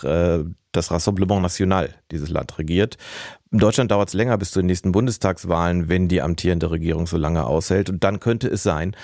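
A male interviewer with a very deep voice speaks briskly and fast, framing probing questions. The sound is dry and close, with no room echo. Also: gravelly, a little mellow. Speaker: host. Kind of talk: radio interview.

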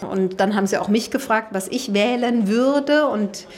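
A woman's voice: fairly high pitch, moderate pace, a little mellow. A woman language teacher chattily explaining her lessons in an interview.

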